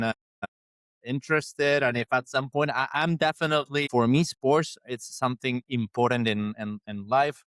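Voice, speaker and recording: Podcast host, man, Argentine Spanish accent, smooth and crisp tone, stop-start delivery. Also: mid-range voice, fairly bright tone, no room sound. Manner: halting, many restarts. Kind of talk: casual interview chat.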